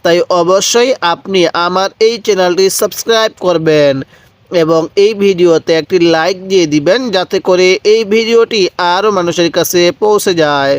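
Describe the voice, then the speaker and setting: Speaking in a high voice at a moderate pace, this Bangladeshi Bengali-accented man patiently spells out and repeats Arabic syllables, letting learners follow along in a slow Quran recitation lesson. The recording is dry.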